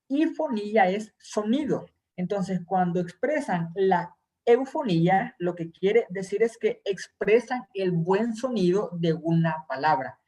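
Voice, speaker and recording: A man's voice: sits high, darkish tone. A man teaching a recorded Hebrew grammar class, explaining terms patiently and reassuring his students.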